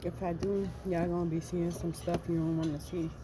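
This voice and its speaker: A woman's voice: lowish voice, level tone, fairly quick. A woman chatting casually to viewers as she eats, chewing while she talks. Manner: chewing while talking, mouth often full. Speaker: mukbang vlogger eating at a buffet. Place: indoors in a public buffet restaurant. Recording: very noisy busy restaurant ambience.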